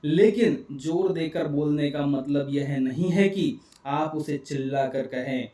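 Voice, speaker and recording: A man calmly explaining a book summary in scripted narration, speaking straight to the viewers. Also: a little high, takes it slowly, roomy sound, recorded from a distance. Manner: calm, explanatory, addresses viewers directly.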